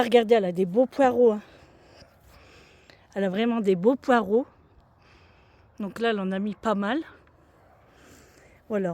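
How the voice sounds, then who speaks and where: A woman's voice: mid-range voice, warm tone. A French woman chatting casually to her viewers in a home vlog, talking to them as friends. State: out of breath. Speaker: vlogger.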